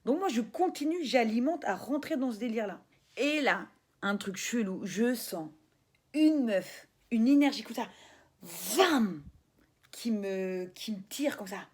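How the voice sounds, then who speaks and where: A young woman telling a personal story in a casual, animated way, full of slang. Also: a little high, measured pace, slightly rough. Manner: animated, slangy, laughs often, acts out voices. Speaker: spiritual vlogger.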